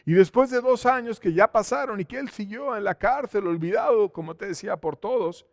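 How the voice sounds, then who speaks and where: A man preaching a sermon in church, swinging between loud exclamations and hushed, intimate asides. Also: sits high, fairly quick, no echo, studio quality. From Mexico. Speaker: pastor.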